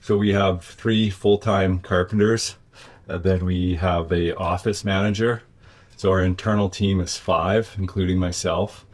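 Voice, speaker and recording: A man's voice: sits low, fairly even intonation, measured pace. A man speaking as an interview guest in a reflective, conversational way, thoughtful and often searching for his words. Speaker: interview guest, business owner.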